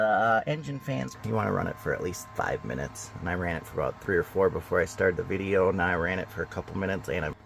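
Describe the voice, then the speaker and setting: A man's voice: lowish voice, gravelly, a bit bright, rough recording. A man vlogging from a boat on a river, talking in a rambling, chatty way with many fillers. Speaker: boating vlogger. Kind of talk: casual vlog narration.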